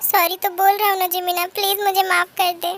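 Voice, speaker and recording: A woman's voice: very high-pitched, flat delivery, brisk, a bit bright. A woman voicing a remorseful young man who apologetically pleads with his best friend. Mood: pleading.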